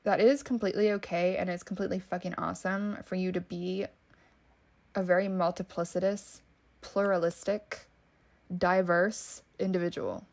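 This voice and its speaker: Valley Girl woman with heavy vocal fry. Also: fairly low pitch, little pitch movement, normal speed, darkish tone. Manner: casual, emphatic, swears freely, many "like" fillers. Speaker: podcast host. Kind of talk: solo podcast monologue.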